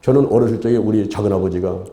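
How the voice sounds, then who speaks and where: A man's voice: on the low side, racing, warm tone. A male pastor preaching a sermon emphatically, repeating phrases and throwing rhetorical questions to the congregation. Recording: roomy church hall echo.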